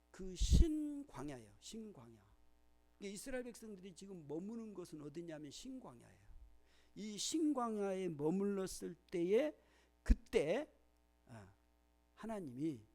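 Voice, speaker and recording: A male pastor with a Jeolla Korean accent delivers a Sunday sermon in a fairly high voice. He explains the passage step by step and asks questions, then answers them himself. When he reads scripture aloud, he raises his voice. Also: mellow. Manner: explanatory preaching with rhetorical questions.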